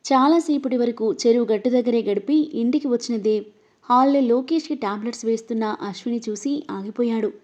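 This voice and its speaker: A woman reading an emotional novel aloud as narrator, voicing every character herself and getting louder in the angry lines. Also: on the high side, brisk. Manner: reads all the characters, her voice rising louder in angry lines. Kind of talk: scripted story narration. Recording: dull, lo-fi audio.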